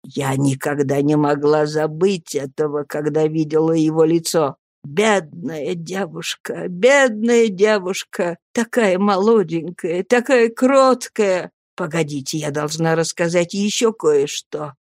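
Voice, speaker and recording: A woman voicing a hoarse dying old woman. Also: low voice, steady tone, dark tone, no room sound, studio quality. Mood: weak, confessing. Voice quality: hoarse, faint. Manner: slow, drawn-out confession. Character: dying old woman, feverish and guilt-ridden.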